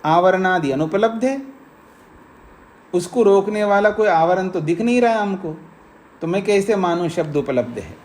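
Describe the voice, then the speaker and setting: A man's voice: sits high, lively intonation, moderate pace, long pauses, darkish tone. A man, a monk at an Indian ashram, lecturing students on Sanskrit philosophy, explaining each sutra line by line and repeating it. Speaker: monk teaching Nyaya philosophy.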